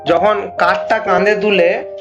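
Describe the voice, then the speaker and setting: A man's voice: high voice, fairly even intonation, a little slow, highs cut off, loud music behind the voice. A man telling a ghost story in a casual chat, repeating phrases for effect. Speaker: guest storyteller.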